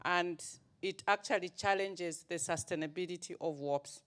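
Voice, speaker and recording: A woman's voice: on the low side, normal speed, a bit bright. A woman from Zambia, asking a conference panel direct, orderly questions. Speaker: audience member asking questions, water regulator staff.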